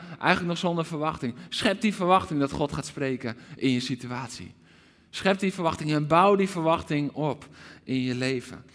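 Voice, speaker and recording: A man preaching a livestreamed sermon, emphatic, swinging from loud exclamations to hushed asides. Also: a little high, long reverb tail.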